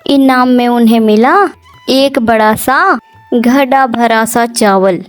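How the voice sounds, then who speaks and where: A woman narrating a cartoon story in a gentle, measured storybook manner. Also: a little high, faint music behind.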